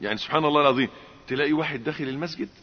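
A man preaching a sermon in colloquial Egyptian Arabic, animated, rising to emphatic exclamations and acting out little dialogues. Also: on the high side, rapid-fire. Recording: muffled reverberant hall recording.

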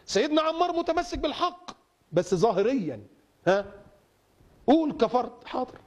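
A man's voice: extremely high pitch, very animated, normal speed. A man preaching an impassioned sermon in an Egyptian Arabic accent, emphatic and rhetorical, repeating phrases for stress.

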